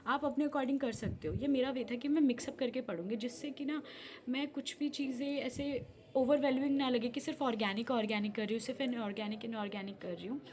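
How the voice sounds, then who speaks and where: A woman's voice: a little high, steady tone, fairly quick, darkish tone. A young woman vlogger chatting earnestly to camera, switching between Hindi and English as she shares exam tips. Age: young adult. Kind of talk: casual talk to camera.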